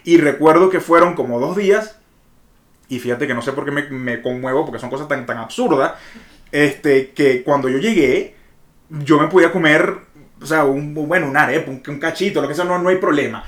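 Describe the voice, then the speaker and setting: A Venezuelan man co-hosting a podcast, talking in a reflective, emotional way that often trails off softly. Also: on the high side, normal speed, echoey room. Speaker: podcast co-host. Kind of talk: casual conversation.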